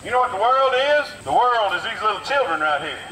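A man's voice: high voice, animated, brisk, bright, forceful tone, a little hiss or hum, poor audio. A middle-aged man preaching an outdoor sermon through a handheld megaphone to children, in a fiery call-and-response manner. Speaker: street preacher. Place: outdoors on a parking lot with children.

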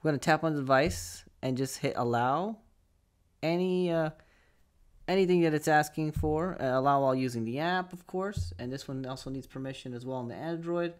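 A young man's fairly high, smooth voice moves at a normal speed as he leads a step-by-step tech tutorial. His style is conversational, with frequent check-ins with the listener. He's captured on a close desk mic inside a small home studio with acoustic foam.

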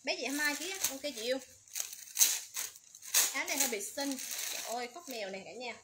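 A woman hosts a livestream sale, talking at a brisk clip in a high voice. She repeats codes and prices in a steady sales patter. Loud background noise and crinkling packaging sit under her voice. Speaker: livestream seller.

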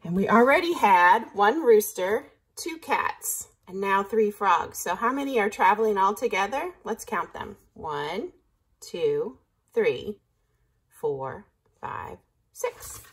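Slow, husky-voiced woman reading a picture book. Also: mid-range voice, expressive. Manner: patient, pausing to count along. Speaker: teacher reading aloud.

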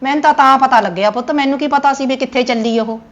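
A woman with a high voice grumbles quickly and wearily as the mother in a Punjabi family comedy sketch. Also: lo-fi sound.

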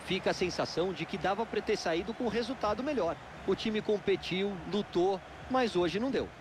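Brazilian guy doing color commentary for a football game, measured, kinda high voice. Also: background noise. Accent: Brazilian Portuguese. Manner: measured analytical remarks.

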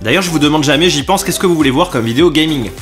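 Fast-talking man, mouth partly full. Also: a little high, lively intonation, soft background music. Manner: chatty, addresses viewers directly. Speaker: food vlogger. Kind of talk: casual chat to camera.

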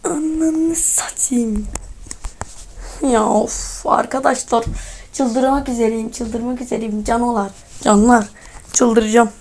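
A woman's voice: fairly high pitch, little pitch movement, measured pace, a little mellow. Exasperated young woman gaming streamer. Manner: exasperated, muttering and swearing at the game. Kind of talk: casual game commentary.

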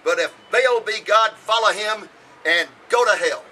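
A man's voice: high voice, unhurried, bright, forceful tone, recorded from a distance, poor audio. A man reading a sermon aloud with earnest, emphatic oratory, outdoors on a hilltop. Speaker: preacher.

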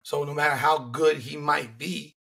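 A man in his thirties from South Florida with a hoarse, flu-worn voice, giving an opinionated, conversational sports rant as a podcast host. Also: a little high, steady tone, normal speed, pushed and bright. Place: furnished home room, indoors. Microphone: large desk microphone close to the mouth.

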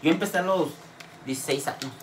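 A man's voice: on the high side, fast talker, noisy background. A man, a friend of the host, chatting casually on the stream and chiming in with brief replies and asides. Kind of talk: casual chat.

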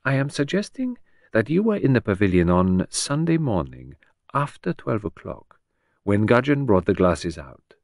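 A man's voice: on the low side, sing-song, normal speed, a little mellow, dry recording, studio quality. A man doing Hercule Poirot, precise detective. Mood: probing. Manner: precise, probing, coolly insistent. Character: Hercule Poirot, fastidious middle-aged Belgian male detective. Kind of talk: audiobook character voice.

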